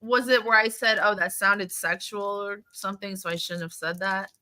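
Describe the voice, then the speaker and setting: A woman from Florida with a bright, forceful voice carries the chat, crude and teasing. She rambles through stories and ribs her friends as she goes. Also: mid-range voice, fairly even intonation, normal speed. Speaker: podcast co-host. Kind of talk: casual banter.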